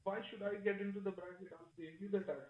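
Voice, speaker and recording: A high-voiced man comes through a narrow, tinny phone line. He has left the phone on speaker and holds it away from his mouth, so he sounds faint and distant. He talks insistently and brushes off objections. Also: fairly even intonation, fast talker. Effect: phone on speaker held away from the mouth. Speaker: scam caller.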